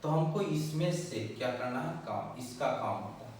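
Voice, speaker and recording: A man's voice: mid-range voice, animated, normal speed, a little mellow. A man teaching a step-by-step lesson at a board, repeating syllables and often checking that students follow. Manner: repetitive, drilling syllables, checking with listeners. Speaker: Japanese teacher. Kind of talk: whiteboard lesson explaining step by step. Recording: echoey room, far from mic, faint noise.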